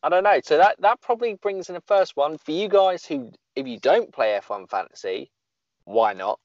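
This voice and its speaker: Joking British-style podcast host, dull lo-fi sound. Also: male voice, fairly high pitch, lively intonation, moderate pace, darkish tone, no echo. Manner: joking, rambling, self-deprecating. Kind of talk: casual podcast chat.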